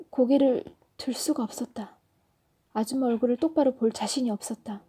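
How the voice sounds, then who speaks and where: A woman storyteller reading a children's story aloud in a soft, often whispery narration. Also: a little high, husky.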